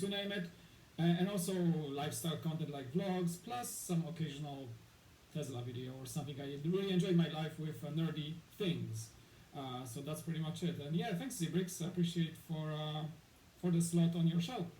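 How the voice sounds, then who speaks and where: This guest in a relaxed interview is a man from Poland in his thirties whose voice sits on the high side and sounds warm. His speech wanders, packed with fillers and false starts, recorded in an echoing room with a little noise.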